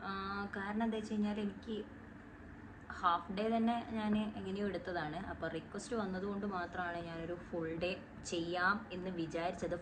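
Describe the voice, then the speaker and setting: A woman chatting casually to her viewers while she cooks at home for her vlog. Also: lowish voice. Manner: chatty, talks straight to viewers as "guys". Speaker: home vlogger. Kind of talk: casual cooking and daily-life vlog. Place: home kitchen. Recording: echoey room, distant mic, background noise.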